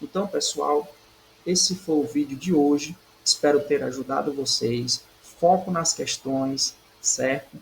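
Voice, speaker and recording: A man's voice: fairly high pitch, unhurried, gravelly, a little hiss or hum, low-quality recording. A man teaching Portuguese, working through exam questions in a didactic way, checking in with "certo?" and punching out stressed syllables. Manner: stresses syllables by saying them louder.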